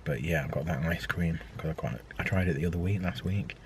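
He has a bass voice with vocal fry and a brisk delivery, with slight background noise present. This thirty-something vlogger chats casually and hesitantly, full of ums, to a camera held at arm's length for his daily vlog. The clip moves from a park outdoors to a car and then his home.

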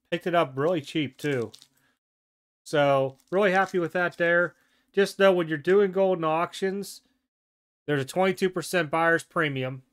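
Man, casual card vlog, home desk, clear smooth voice. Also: fairly high pitch. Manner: relaxed, chatty, thinks aloud and self-corrects. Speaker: sports card collector showing mail. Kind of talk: casual show-and-tell vlog.

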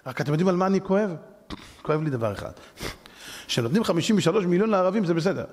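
A rabbi delivers a fiery lecture in a high, pressing voice, hurling rhetorical questions at his listeners. His words ring out with a long reverb trailing behind them. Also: a little mellow. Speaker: rabbi giving a lesson. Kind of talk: impassioned religious lecture.

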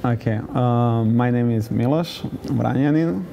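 A man in his twenties with a Serbian accent, a football player answering interview questions in short, halting phrases. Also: mid-range voice, gravelly, noisy background. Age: 20s. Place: hotel lobby, indoors. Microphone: lapel.

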